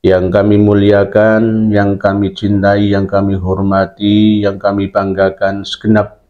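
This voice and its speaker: A man speaks slowly in a low, flat tone as he delivers a ceremonial opening address. The recording sounds dull and muffled. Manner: measured, ceremonial. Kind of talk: formal address.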